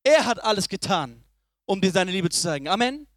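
A young man preaching a sermon, swinging between loud emphatic lines and soft, low asides. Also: very animated, normal speed, no room sound, clean studio sound.

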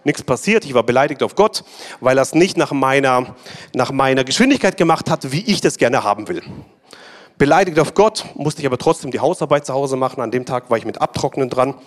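A man's voice: mid-range voice, expressive, brisk. A man delivers a sermon, mixing personal testimony with urgent, repeated calls to his listeners. His voice sits in a middle register, rising to stress key points. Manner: testimony with emphatic repeated exhortations. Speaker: preacher.

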